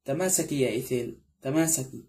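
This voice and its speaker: Nervous pleading butler guy, read by a man, dark voice, audiobook. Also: medium pitch, quick pace, close to an everyday voice. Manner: pleading, swearing his innocence. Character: anxious middle-aged male butler, pleading.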